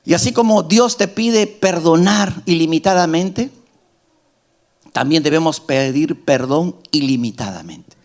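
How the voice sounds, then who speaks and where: Middle-aged male pastor, high voice, emphatic sermon delivery with loud peaks and soft asides. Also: animated, measured pace. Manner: emphatic preaching, rising to loud climaxes and dropping to soft asides.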